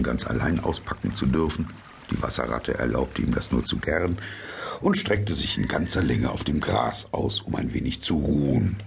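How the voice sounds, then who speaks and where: A man narrating a storybook in an expressive, animated way. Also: rumbling low, creaky, slight background noise. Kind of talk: storybook reading.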